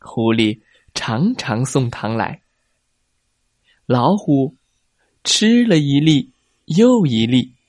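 A young adult man narrating a children's story in a gentle, clear way, speaking to children. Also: mid-range voice, sing-song, extremely slow, long pauses, dry recording, clean studio sound.

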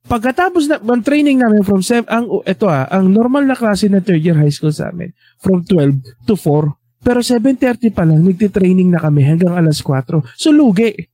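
A man's voice: high voice, animated, moderate pace, warm tone, dry recording. A man, telling school stories in a casual chat and animatedly voicing the people he quotes.

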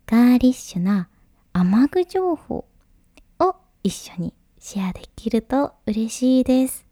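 A woman hosting a late-night podcast in a soft, breathy, whispery voice, speaking to listeners in extremely polite, formal phrasing. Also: mid-range voice, dry recording, clean studio sound. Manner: ultra-polite, formal honorific Japanese phrasing. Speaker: podcast host.

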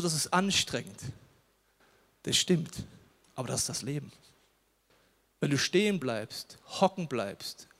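A man preaching a lively sermon as pastor, colloquial and playful, with casual asides to the congregation. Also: on the high side.

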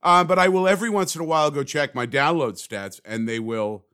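A man's voice: a little high, fairly quick, sharp tone, clean tone. A man hosting a comedic solo podcast, talking in a sarcastic, rambling, self-mocking way. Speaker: podcast host.

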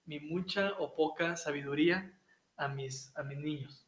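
A man's voice: on the high side, measured pace. Joking northern Mexican man in an echoey room. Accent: northern Mexican (Nuevo León). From Nuevo León, northern Mexico. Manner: joking, colloquial, slangy. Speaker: interview guest, a teacher. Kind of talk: casual interview chat.

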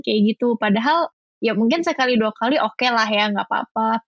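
A woman's voice: fairly high pitch, fairly bright tone, no room sound, lo-fi sound. A woman who is a guest mentor on a podcast, chatting casually and acting out quoted lines as she tells stories.

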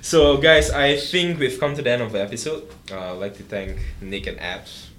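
A man's voice: medium pitch, fairly even intonation, normal speed, fairly bright tone. A young man hosting a casual podcast chat, joking and laughing often. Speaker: podcast host. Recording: roomy echo.

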